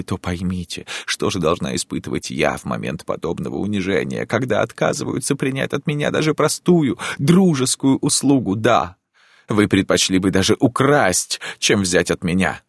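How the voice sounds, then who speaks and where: A man's voice: low-pitched, very animated, moderate pace, creaky, slightly rough, dry recording, clean studio sound, voice pushed up, exaggerated voice. A man voicing a passionate noble countess in an audiobook reading, speaking in a dramatic, impassioned, imploring way.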